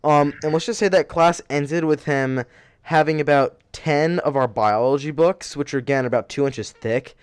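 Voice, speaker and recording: A young man co-hosts a casual podcast. He tells long stories with animated, filler-heavy delivery. His voice is smooth and resonant, recorded dry and close. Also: on the high side, moderate pace, no room sound. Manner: animated storyteller, frequent fillers. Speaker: podcast co-host.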